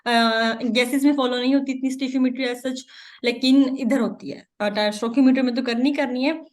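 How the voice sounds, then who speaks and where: A woman teaches chemistry in a high, light voice. She works through each step patiently and repeats the key terms. English technical words slip into her lecture. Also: steady tone, fairly quick. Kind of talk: exam-prep lecture.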